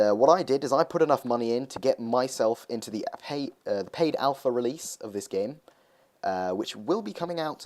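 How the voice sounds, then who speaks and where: A man's voice: lowish voice, a little mellow. A young man talking casually over gameplay footage, rambling with lots of hesitations as he hosts his gaming video.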